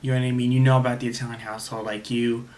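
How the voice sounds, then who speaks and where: Rapid-fire and level in tone, this young man's mid-range voice is a little mellow. He's a vlogger from Staten Island, New York, telling the camera a loose, casual story and restarting sentences often.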